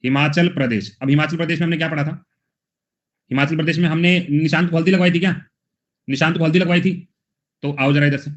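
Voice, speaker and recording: A man's voice: fairly high pitch, steady tone, quick pace, long pauses, muffled recording. A male teacher from Haryana giving an exam-prep lesson, talking chattily and acting out little scenes in funny voices to help students memorize.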